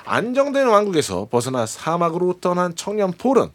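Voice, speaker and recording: Male presenter with a bright, lively voice; measured, polite explainer. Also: sits high. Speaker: guest presenter explaining a film. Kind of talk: scripted explanatory talk.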